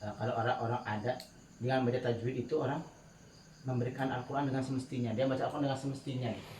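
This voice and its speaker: Talking very fast in a steady, darkish, medium-pitched voice, a man teaches students Quran recitation rules in a casual tajwid lesson. He's chatty, laughs while telling stories, and frequently demonstrates with melodic chanting. Heard from afar in a roomy space, with faint crickets and slight background noise.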